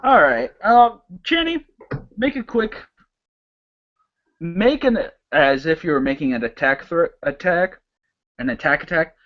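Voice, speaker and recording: A game master narrating a casual tabletop game, lively and halting, with many restarts. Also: mid-range voice, dull audio.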